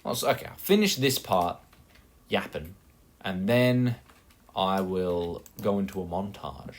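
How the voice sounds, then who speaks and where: This gaming channel host, a young Australian man, chats casually as he plays, tossing in plenty of fillers and self-deprecating remarks. His low voice is expressive, and he speaks a little slowly.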